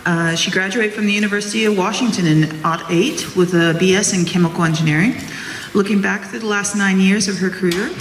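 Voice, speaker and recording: A woman formally introduces a guest speaker, reading haltingly from prepared notes and repeating some words. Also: mid-range voice. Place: large room or hall before an audience. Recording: distant, echoing hall, faint noise.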